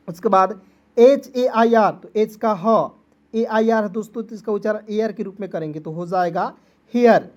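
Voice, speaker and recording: A woman teaching beginners to read English, spelling each word letter by letter and drawing the sounds out slowly. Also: mid-range voice, darkish tone. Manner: spells words letter by letter, then stretches them out slowly; repetitive, checks in with "clear?" and "okay". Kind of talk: phonics lesson for beginners.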